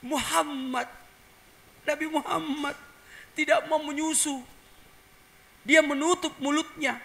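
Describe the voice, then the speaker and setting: A man's voice: very high voice, steady tone, slow, creaky, fairly bright tone. A man preaching a humorous sermon, telling a story and acting out voices and animal sounds for the congregation. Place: religious gathering.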